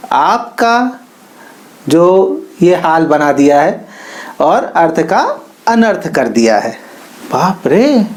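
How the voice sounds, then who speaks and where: A woman teaching a Hindi grammar lesson, reading example sentences slowly and with emphasis. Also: lowish voice, a little mellow. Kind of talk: explanatory classroom lesson.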